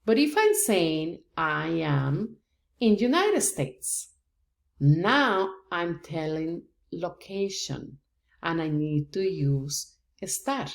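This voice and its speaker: Woman, low voice, unhurried, patient teacher, step-by-step explanations. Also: big pitch swings, gravelly. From Costa Rica. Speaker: Spanish teacher. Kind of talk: slow, deliberate language lesson.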